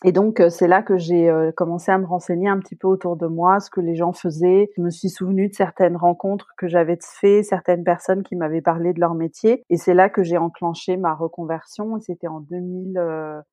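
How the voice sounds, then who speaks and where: A woman's voice: lowish voice, steady tone, a little fast, few pauses, dark tone, dry recording. A French woman in her forties, a podcast guest who talks reflectively, with many fillers and restarts. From France. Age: 40s. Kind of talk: podcast interview.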